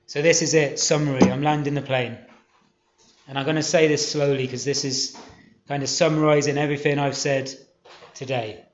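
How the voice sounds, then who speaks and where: Emphatic preacher, high voice. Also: male voice, level tone, normal speed, slight background noise. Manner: emphatic, with rhetorical questions and humour. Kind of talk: sermon. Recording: roomy, slightly dull sound.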